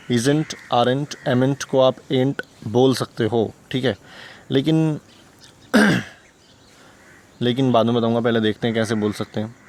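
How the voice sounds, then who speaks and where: A male teacher with a mother tongue explains English grammar in a relaxed, chatty classroom style, repeating examples and asking rhetorical questions. His voice sits at a middle pitch, with faint background noise and birdsong.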